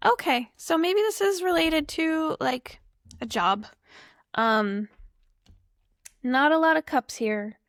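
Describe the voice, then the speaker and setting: A woman's voice: sits high, animated, takes it slowly, pauses often, no room sound. Rambling woman tarot reader, dry sound. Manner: rambling and apologetic, talks in loose asides. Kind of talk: casual tarot reading to camera.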